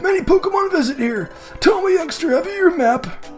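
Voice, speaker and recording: A man doing a creaky, high-pitched old hot-spring keeper. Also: animated, soft background music. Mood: welcoming. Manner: slow quavering old-man voice, high and strained.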